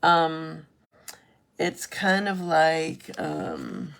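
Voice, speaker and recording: A woman's voice: deep voice, huge pitch swings, extremely slow, gravelly, a bit bright. A woman hosting a casual live craft demo, chatty, correcting herself and answering viewer comments as she works.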